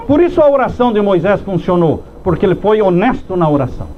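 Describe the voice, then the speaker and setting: High-voiced pastor preaching with emphatic pauses. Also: male voice, big pitch swings. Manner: preaching slowly with emphatic pauses, acting out heartfelt prayers. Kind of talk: sermon. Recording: dull lo-fi sound with faint background noise.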